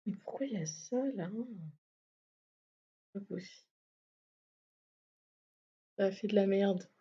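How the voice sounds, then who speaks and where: A woman's voice: mid-range voice, slow pace, dark tone, husky. A woman streaming a game live, chatting casually, swearing and laughing at herself. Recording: slightly muffled stream mic.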